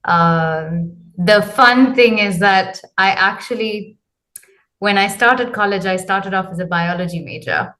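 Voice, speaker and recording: A woman in her thirties, a men's clarity coach from Zambia, answers interview questions as a guest in a casual way with lots of ums and uhs. Her voice is medium-pitched and fairly bright, and she speaks a little slowly.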